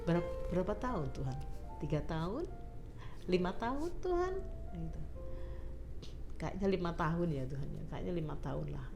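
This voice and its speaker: A woman's voice: fairly low pitch, sing-song, normal speed, long pauses, music in the background. Woman guest, heartfelt faith testimony, code-switches to English, laughs readily. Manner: mixes English phrases into Indonesian, laughs often. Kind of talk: emotional faith testimony in casual chat.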